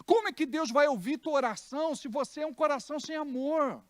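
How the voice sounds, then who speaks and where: In a very high voice and at a slightly quick clip, a Brazilian man with a Brazilian Portuguese accent delivers a sermon as a church pastor. He preaches emphatically and dramatizes his stories, and the recording is dry and studio quality.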